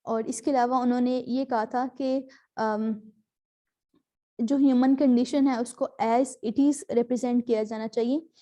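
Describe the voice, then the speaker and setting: The recording is lo-fi: a woman with a slightly high but dark-toned voice speaks slowly and fairly evenly while teaching an online class over video call. She walks through things step by step and patiently, mixing English terms with many fillers.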